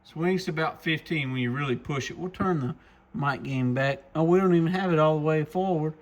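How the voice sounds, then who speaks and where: This enthusiastic shop presenter speaks fairly quickly in a slightly high voice, showing off gear in a folksy, casual demo. He talks informally, the way he would to viewers who come back regularly.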